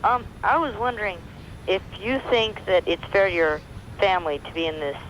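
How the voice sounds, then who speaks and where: A man's voice: high-pitched, animated, moderate pace, fairly bright tone, slight background noise. A man calling in to a radio show over a distant phone line, politely putting a direct question to a guest.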